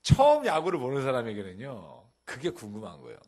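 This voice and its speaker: A middle-aged male pastor preaches in a husky voice that swings widely in pitch. He keeps his sermon lively and conversational. He breaks into acted-out questions and little scenes with his daughter. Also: brisk. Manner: animated preaching, acting out quoted questions and daughter's lines. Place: church sanctuary.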